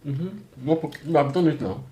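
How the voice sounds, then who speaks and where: A man's voice: on the high side, normal speed, mellow. A man with a Nigerian accent bantering casually with his spouse, chewing as he talks. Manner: chewing while talking. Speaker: husband in mukbang vlog. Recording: echoey room, faint noise.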